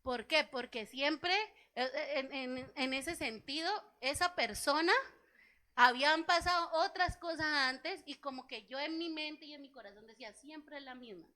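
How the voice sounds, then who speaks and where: Casting note: high, bright woman pastor preaching in a church; storyteller who acts out dialogue and puts questions to the congregation. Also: normal speed. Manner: asks the congregation rhetorical questions. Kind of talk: sermon.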